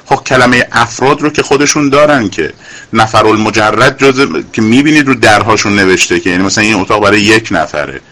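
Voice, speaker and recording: A man from Iran delivers a heated, lecturing monologue, scolding his listeners with indignation. His voice is bright and forceful, and it swells toward shouting when he is most worked up. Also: on the low side. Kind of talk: impassioned monologue.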